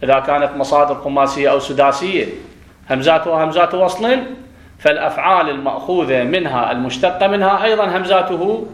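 A man gives a classroom grammar lesson, his voice sitting a little high for a man. He says each word the wrong way, then the right way, and checks with the class as he goes. The room rings with a roomy echo. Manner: drills pronunciation, contrasting right and wrong forms; checks understanding with quick questions to students. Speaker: Arabic grammar teacher.

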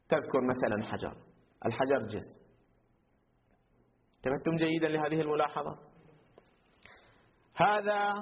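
A man's voice: sits high, muffled recording. A man teaching a logic class, explaining step by step and putting questions to the students before answering them himself. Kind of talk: classroom lecture.

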